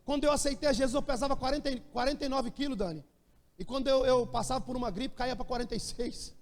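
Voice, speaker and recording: A man's voice: very high voice, quick pace. A Brazilian man preaching a sermon in a church. He preaches with energy and tells humorous stories. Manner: animated preaching, humorous storytelling. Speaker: pastor. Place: church hall. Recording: long church-hall reverb.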